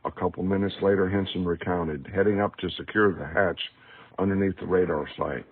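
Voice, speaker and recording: With a deep, steady voice that moves a little fast and carries a breathy edge, an author narrates a passage from his book like an audiobook. The recording sounds tinny and narrow-band, almost phone-like.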